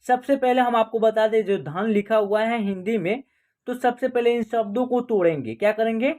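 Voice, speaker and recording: Woman teacher doing an online class, kinda high voice, goes slow step by step, keeps asking questions then answering them herself. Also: a little mellow.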